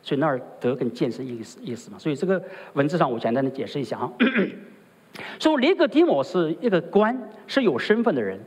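A man's voice: fairly high pitch, big pitch swings, fairly quick, breathy edge, long reverb tail. A man preaching a sermon as pastor, who keeps asking his listeners rhetorical questions. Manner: rhetorical, often asks the listeners "right?".

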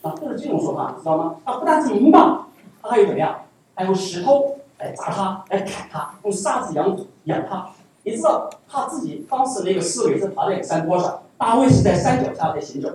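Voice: mid-range voice, sing-song, brisk, a little mellow, slight background noise. A pastor preaching a sermon, repeating phrases and putting rhetorical questions to the congregation. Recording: echoey hall, voice from far off.

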